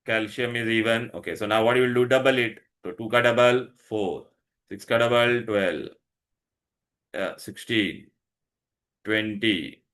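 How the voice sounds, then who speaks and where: A male teacher speaks with an Indian accent in a fairly low voice. He instructs step by step, repeating key points and putting frequent questions to his pupils to check they follow. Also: unhurried, fairly bright tone. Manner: instructive, repetitive, checks understanding often. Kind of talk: online science lesson, questioning pupils.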